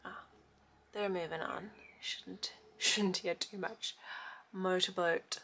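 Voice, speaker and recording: A woman's voice: lowish voice, steady tone, slow, sharp tone, slight background noise. A woman, chatting enthusiastically to a handheld camera about her finds. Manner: chatty, enthusiastic show-and-tell. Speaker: vlogger. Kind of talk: casual vlog chat to camera. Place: outdoors on a town street, then inside a small boat cabin. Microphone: handheld camera at arm's length.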